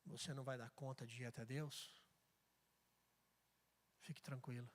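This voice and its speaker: A man's voice: mid-range voice, little pitch movement, normal speed. Dramatic storytelling preacher man. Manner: dramatic storytelling, swings between loud and hushed. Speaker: pastor. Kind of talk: sermon. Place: church sanctuary. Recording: echoey church hall.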